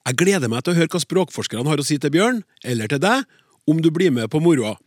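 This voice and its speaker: A man's voice: a little high, big pitch swings, no echo, studio quality. A man hosting a radio language program, playful and chatty with his guests. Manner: playful, chatty, reads listener letters aloud. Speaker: radio show host. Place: radio studio.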